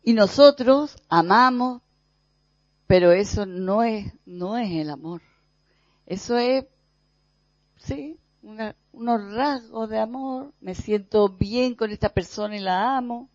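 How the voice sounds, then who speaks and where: A preacher from gives a reflective spiritual teaching, speaking thoughtfully with pauses and soft repetitions. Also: medium pitch, no echo. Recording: dull, dry lo-fi recording.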